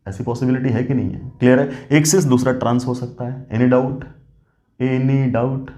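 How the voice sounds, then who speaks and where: A man's voice: mid-range voice, steady tone, normal speed, warm tone. A man teaching chemistry at a board. He asks questions, answers them himself, calls his students "beta" and mixes English phrases into his talk. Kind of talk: board lecture.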